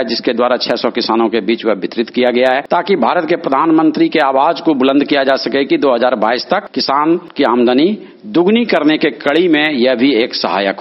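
Earnest middle-aged farmer, muffled. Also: male voice, on the high side. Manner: earnest, formal appeal to fellow farmers. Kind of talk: interview answers. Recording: muffled lo-fi audio.

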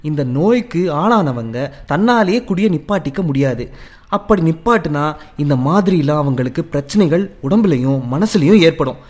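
A man playing an educated neighbor who calmly explains an illness to a worried couple, in a radio drama. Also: sits high. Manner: explanatory, reassuring.

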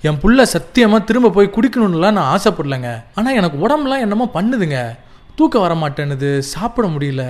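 A man's voice: high voice, big pitch swings, brisk. A man playing a husband who is quitting drink and pleads that he is telling the truth, in a radio drama. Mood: defensive. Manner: defensive, pleading.

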